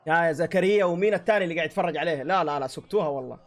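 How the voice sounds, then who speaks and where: This man's voice is on the high side, and his speech is racing. Reacting live to a football match into his own desk mic, he shouts exclamations and heckles the players.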